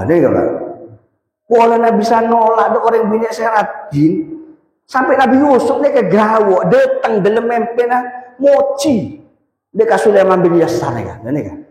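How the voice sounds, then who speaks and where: A man preaching a storytelling sermon at a mosque, talking in an animated way and calling to his listeners. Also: sits high. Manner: animated, addresses listeners as Pak and Kak. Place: mosque hall. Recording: echoey hall with long reverb.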